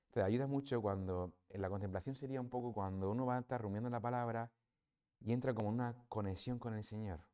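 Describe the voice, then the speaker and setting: A priest with a Spanish accent and a lowish, mellow voice gives a parish talk on prayer in a hall or church. He sounds conversational and reflective, frequently tacking on tag questions.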